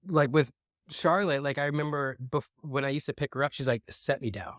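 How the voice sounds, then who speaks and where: Animated man telling stories on a podcast. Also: fairly high pitch, no echo, clean studio sound. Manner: animated storyteller, quick listener backchannels. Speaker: podcast host. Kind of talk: casual chat.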